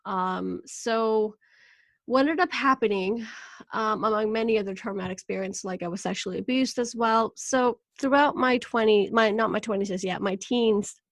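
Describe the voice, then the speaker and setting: A woman's voice: medium pitch, normal speed, dry recording. A woman in her thirties from Venezuela, a podcast guest talking candidly and with lots of laughter about her life story. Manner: candid, animated, laughs often. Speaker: podcast guest, wellness coach. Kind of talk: casual interview talk.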